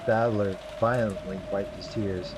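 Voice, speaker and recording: A man's voice: fairly low pitch, fairly even intonation, measured pace, heavy background noise. A man streaming a game, reading its text aloud and reacting in casual, profane asides.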